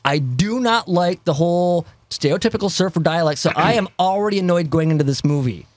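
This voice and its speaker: A man talks through a movie with his friends in an animated, laughing, profane way. His voice sits high and swings widely in pitch. The sound is dry and close, with no room around it. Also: no room sound. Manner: animated, swearing, quick laughs. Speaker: podcast host. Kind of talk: casual chat.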